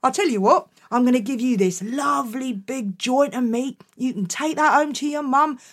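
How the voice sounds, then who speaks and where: A woman voicing a gruff, friendly male butcher giving out work. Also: high voice, moderate pace.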